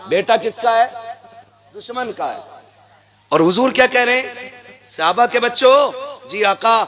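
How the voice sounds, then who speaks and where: Man from india, preacher, dramatic storytelling sermon, acts out characters, fairly high voice. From Moradabad, India. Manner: dramatic, voices the characters, swings from hushed low tones to high impassioned cries. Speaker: Islamic preacher.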